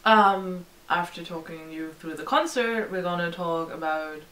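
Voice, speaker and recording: A woman's voice: on the low side, unhurried. A young woman, chatting candidly as a vlog co-host about a concert. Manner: lively, candid, laughs often. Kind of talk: casual chat reviewing a concert. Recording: roomy, distant mic.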